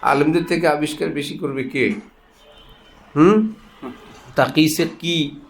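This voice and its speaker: A man's voice: on the high side, fairly even intonation, slow pace. A man giving a sermon, conversational and joking, laughing as he teaches. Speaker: Islamic preacher. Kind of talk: sermon with humorous anecdotes.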